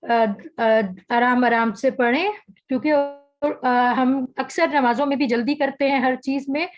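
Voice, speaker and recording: A woman teaching an online tajweed class, saying each letter slowly and carefully, then patiently explaining how it is made. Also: high voice, dull audio. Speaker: Quran recitation teacher.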